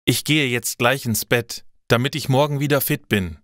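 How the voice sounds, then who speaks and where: A man's voice: medium pitch, moderate pace, fairly bright tone, no room sound, studio quality, close to an everyday voice. A man voicing a tired young female nurse who answers her friend politely in a learner's story.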